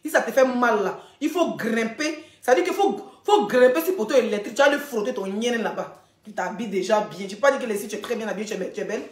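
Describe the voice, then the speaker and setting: A woman hosting a ranting gossip live stream, animated, laughing often and addressing her viewers directly. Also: a little high, quick pace. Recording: roomy echoey room.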